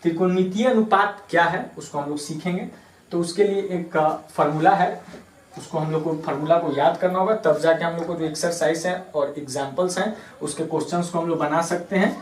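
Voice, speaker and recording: A fairly high-voiced man teaches a maths class, patient and repetitive, spelling terms out letter by letter. His voice comes from some distance away, bouncing around a hard-walled room with a faint hum of ambience. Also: fairly quick, roomy sound. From Bihar, India. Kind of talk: classroom lesson explaining at a board.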